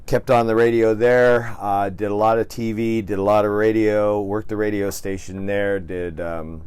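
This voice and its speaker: An American man, a cruise director, answering interview questions in a casual, halting, easygoing way. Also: lowish voice, fairly even intonation, darkish tone, clean tone.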